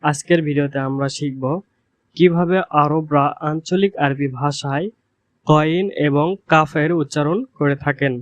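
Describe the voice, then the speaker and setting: Male tutor, crisp voice, dry close recording, slow deliberate delivery with each word said twice. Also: a little high, fairly even intonation, no echo, muffled recording. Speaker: language teacher. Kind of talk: scripted language lesson.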